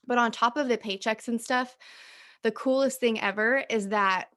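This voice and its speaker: A woman with a fairly high voice gives a cheerful recruiting talk about her network marketing business. She speaks in a chatty, casual way, full of "like" and "um", and smiles through her words. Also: moderate pace, a bit bright. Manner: upbeat, smiling while talking; chatty, uses filler "like" and "um".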